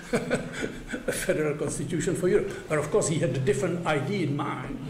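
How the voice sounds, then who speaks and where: Older male academic speaker, raised pitch, hesitant delivery, roomy hall with faint hum. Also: a little mellow. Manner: hesitant, many stacked fillers, wry chuckles. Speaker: conference speaker. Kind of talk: academic conference talk. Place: university seminar room. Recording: echoey room, faint background hum.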